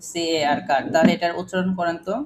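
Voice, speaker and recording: A man's voice: a little high, fairly even intonation, quick pace, slight background noise. A man teaching an English phonics lesson, asking the class questions and repeating examples to drill them.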